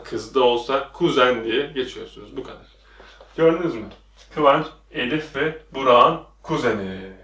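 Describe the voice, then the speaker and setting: A man's voice: medium pitch, a bit bright. A man teaching a lesson at a whiteboard, quizzing the viewers with repeated questions, recorded in a classroom. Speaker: English teacher. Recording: echoey room, voice from a distance.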